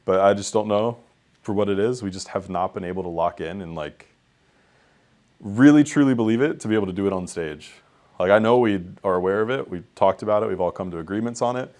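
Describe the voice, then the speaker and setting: Low-voiced young coach, candid and rambling. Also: male voice, brisk, a little mellow. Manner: candid, rambling, frequent ums and likes. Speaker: esports head coach. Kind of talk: post-match interview.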